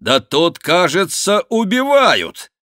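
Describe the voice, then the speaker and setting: A man reading an audiobook voices a cheerful young nobleman with loud, hearty exclamations. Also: high-pitched, wildly swooping pitch, slow, dry recording, studio quality, voice pushed up, exaggerated voice. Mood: eager.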